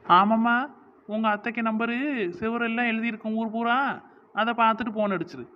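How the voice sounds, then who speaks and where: A woman's voice: a little high, steady tone, fairly quick, highs cut off, natural voice. A woman voicing a cheeky, teasing young village woman in a cartoon, with a southern Tamil village dialect.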